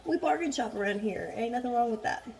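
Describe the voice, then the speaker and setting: A woman casually chatting through a makeup tutorial at home, rambling and frank, a little hoarse, recorded on a phone. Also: a little high, lively intonation, fast, darkish tone. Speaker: beauty vlogger. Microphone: phone camera.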